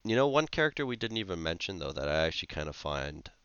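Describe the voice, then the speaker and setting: A man's voice: low voice, very animated, quick pace, fairly bright tone, clear, resonant tone, dry recording, lo-fi sound. A man co-hosting a podcast, chatting casually about a film in a hesitant, critical way with many fillers. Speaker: podcast co-host. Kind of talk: casual film review chat.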